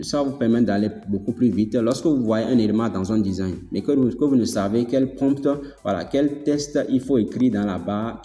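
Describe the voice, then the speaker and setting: A man hosting a casual software tutorial, talking it through step by step, repeating himself and checking in with his listeners. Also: on the low side. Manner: chatty, filler-heavy explaining. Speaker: tutorial host. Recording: echoey room, long reverb, faint music.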